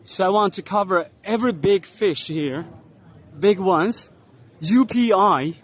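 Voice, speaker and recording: A man casually narrating a walking tour of a trade expo, unhurried, spelling out brand names letter by letter as he walks. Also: high voice. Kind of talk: casual walk-and-talk narration. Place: large indoor trade expo hall.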